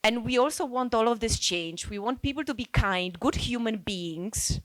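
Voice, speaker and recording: Here a fairly high-pitched woman talks at a moderate pace during a group discussion. Originally from Poland and a native Polish speaker, she works for an NGO and thinks aloud informally and earnestly as a participant.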